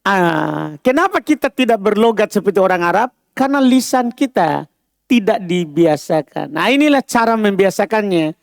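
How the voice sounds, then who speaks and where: A man's voice: high-pitched, big pitch swings, moderate pace, creaky, no echo. Guy teaching a class, keeps asking if you got it, dry close sound. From Indonesia. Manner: explanatory, asks students rhetorical checks. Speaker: Arabic teacher. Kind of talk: classroom lesson.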